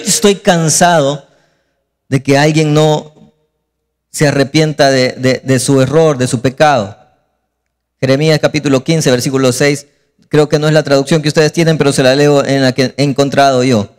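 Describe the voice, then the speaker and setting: High-voiced pastor preaching in a reverberant hall. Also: male voice, a little fast. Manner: lively preaching, acts out scenes and voices. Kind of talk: sermon.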